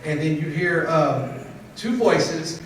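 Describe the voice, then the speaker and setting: Man, paranormal investigator on a con panel, emphatic, higher register, distant recording with faint hiss and heavy room echo. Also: slow pace. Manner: emphatic, keeps checking in with "okay?". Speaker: paranormal investigator presenting evidence. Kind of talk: convention panel talk. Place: convention panel hall.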